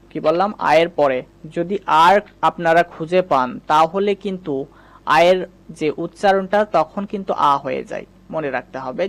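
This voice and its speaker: A man teaching English spelling sounds in a patient, step-by-step spoken lesson, repeating each rule. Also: fairly high pitch. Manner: patient, repetitive, explains step by step.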